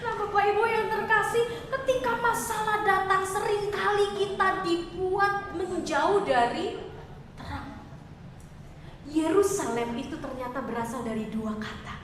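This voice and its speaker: Very high-voiced woman pastor preaching. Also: unhurried, a little hiss or hum. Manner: chatty and expressive, asks the congregation questions. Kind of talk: conversational sermon. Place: church hall. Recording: echoey church hall, mic far off.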